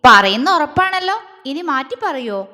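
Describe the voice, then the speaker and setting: A woman voicing a teasing, tender young man who coaxes softly, with a long echo on the recording. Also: high voice, expressive, moderate pace. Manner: teasing, soft and coaxing. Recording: long reverb.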